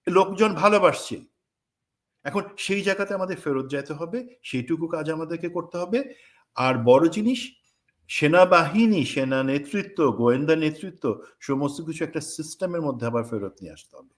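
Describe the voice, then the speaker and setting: Fervent man, fairly high voice. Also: animated, normal speed. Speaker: political commentator. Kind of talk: heated political talk show discussion.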